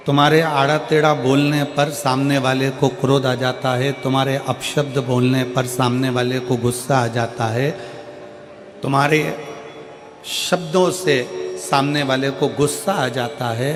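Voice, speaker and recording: A man's voice: medium pitch, little pitch movement, unhurried, over music. A man preaching a devotional sermon to a crowd, repeating his phrases in a building rhythm and breaking into a sung hymn. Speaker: preacher telling a religious story. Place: large hall at a live religious gathering.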